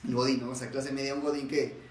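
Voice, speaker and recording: A man's voice: medium pitch, little pitch movement, quick pace. A man with a Mexican accent hosting a casual podcast, asking questions and hedging with lots of fillers. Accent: Mexican Spanish. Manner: hesitant, fills with "o sea" and "¿no?". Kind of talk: casual interview chat. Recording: roomy echo, faint noise.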